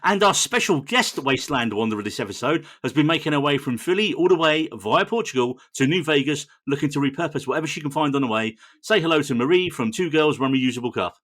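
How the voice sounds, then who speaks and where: Man, podcast host, rapid talker, casual, cheeky swearing. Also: on the high side, animated, fairly bright tone. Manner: quick, chatty, swears freely.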